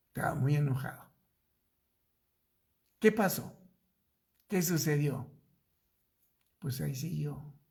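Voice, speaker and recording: A middle-aged pastor with a Mexican accent shares a personal story during a Bible study sermon, acting out the dialogue. His voice is a little high and somewhat mellow, animated, with vocal fry. He tells the story slowly, drawing it out.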